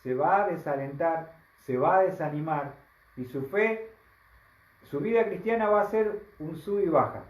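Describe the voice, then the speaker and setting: A man with a Rioplatense Spanish accent preaching a sermon, slow and emphatic, often asking the congregation rhetorical questions. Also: a little high, roomy sound, poor audio. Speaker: pastor.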